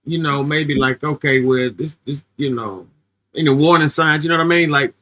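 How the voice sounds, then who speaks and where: Bright-voiced man asking halting questions. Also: on the high side, rough recording. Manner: halting, hesitant questions with many fillers. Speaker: host. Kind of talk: casual interview chat.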